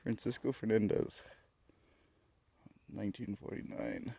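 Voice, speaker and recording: A man's voice: on the low side, very animated, unhurried, gravelly, warm tone, slightly rough. A man giving casual off-the-cuff vlog commentary in fragments as he explores outdoors. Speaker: vlogger exploring a graveyard. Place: outdoors in a graveyard at night. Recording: noisy handheld outdoor recording, clicks.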